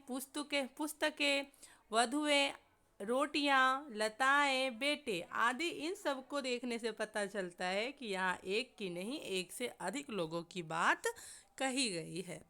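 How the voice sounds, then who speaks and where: Slow, bright-voiced woman teaching. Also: sits high, smooth. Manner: slow and deliberate, lists examples one word at a time, asks questions and answers them. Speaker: Hindi grammar teacher. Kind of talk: slow explanatory classroom lesson.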